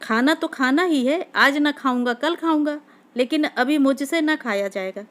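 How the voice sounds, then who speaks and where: A sullen, hurt young village man, as a woman reader puts him on, snapping back in curt, bitter retorts. He sounds touchy and worn down in this storybook reading. The voice sits a little high. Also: measured pace, a bit bright.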